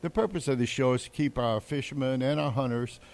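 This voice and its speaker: A man's voice: medium pitch, brisk, gravelly, darkish tone. A man hosting a morning radio show in a folksy way, welcoming listeners from the studio.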